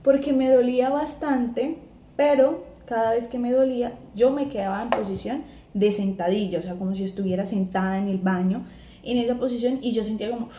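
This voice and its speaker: A woman's voice: on the high side, fairly quick, slight background noise. A young woman with a Colombian accent, chatting casually as she tells a personal story and acts out what others said. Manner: chatty, animated retelling with acted-out quotes. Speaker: vlogger. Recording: echoey room, faint ambience.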